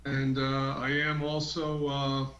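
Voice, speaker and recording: A man's voice: medium pitch, completely flat delivery, slow, fairly bright tone. A man calling in as a guest from a treatment room, hesitant with many fillers, his voice muffled and distant as if through a wall. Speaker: guest healer on a call-in show. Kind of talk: casual call-in chat. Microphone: remote computer call. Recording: muffled roomy remote call audio.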